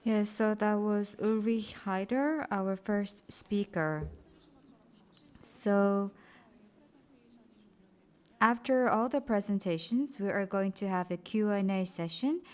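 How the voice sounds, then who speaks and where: A woman moderating a conference, announcing speakers and giving instructions in a measured way. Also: mid-range voice. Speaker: event moderator. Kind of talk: event moderation.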